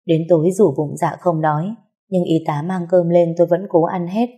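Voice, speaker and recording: A woman reading a first-person story aloud in a sorrowful, even storytelling manner. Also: lowish voice, moderate pace, slightly rough. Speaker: narrator.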